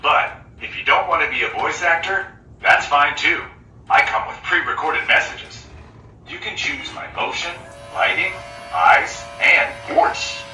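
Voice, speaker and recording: A man voicing a chatty talking skeleton toy that pitches its own features playfully, played through the toy's speaker. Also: animated, a little slow, bright, forceful tone, recorded from a distance, soft background music, full character voice. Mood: teasing. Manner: playful, teasing sales pitch. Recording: echoey room, heard from across it.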